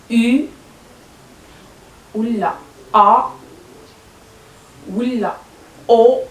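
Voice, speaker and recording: A woman with a Moroccan Arabic accent, teaching French pronunciation to learners in a hesitant way, with many fillers and repeated words. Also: mid-range voice. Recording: echoey room, voice a bit far from mic.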